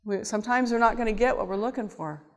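A woman giving a sermon-style teaching to a group, animated, moving between hushed and emphatic delivery. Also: a little high, fast. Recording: long reverb of a hall.

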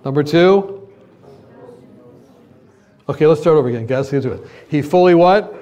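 A man's voice: on the high side, moderate pace, dark tone. A middle-aged man preaching a humorous sermon at a university gathering. He teases his listeners, laughs through his own stories, and gets the crowd to answer his questions.

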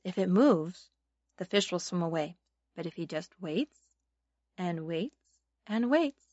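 A woman's voice: on the low side, dry recording. A woman teaching a children's Bible lesson like a Sunday school teacher, speaking simply to young listeners and asking them easy questions. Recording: dull lo-fi sound, faint music.

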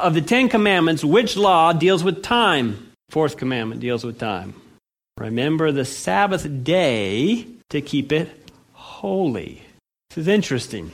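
A man leading a Bible study, asking the audience questions, answering them himself, and reading scripture slowly with emphasis. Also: fairly high pitch, a bit bright. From United States. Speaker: Bible teacher. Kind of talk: interactive Bible study lecture.

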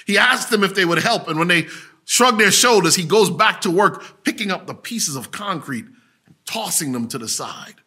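A man preaching a sermon, telling a story dramatically, swinging from loud to hushed. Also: sits high, animated, moderate pace, husky.

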